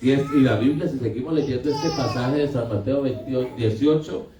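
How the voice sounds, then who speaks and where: A man's voice: medium pitch, normal speed, noisy background. Preaching man in an echoey hall. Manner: conversational preaching, asks the congregation questions. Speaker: pastor. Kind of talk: sermon. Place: church hall. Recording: echoey hall, picked up from a distance.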